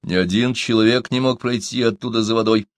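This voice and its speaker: A man narrating an adventure story in an audiobook, in a measured storytelling manner. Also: mid-range voice, fairly even intonation, no room sound, clean studio sound.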